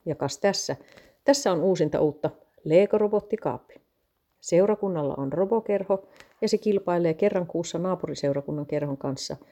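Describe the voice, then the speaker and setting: An enthusiastic male vicar proudly shows off everything his parish has, read by a woman. The voice sits low and soft-edged, and the delivery runs on like an eager sales pitch. It is told as a plain read-aloud story. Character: cheerful male vicar showing off parish clubs.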